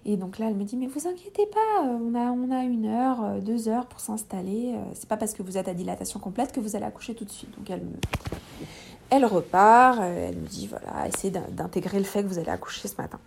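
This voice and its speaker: A woman's voice: mid-range voice, quick pace, gravelly, a little hiss or hum. A woman in her thirties, a podcast guest candidly telling her own story and acting out the dialogue. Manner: lively retelling, acting out dialogue with laughs.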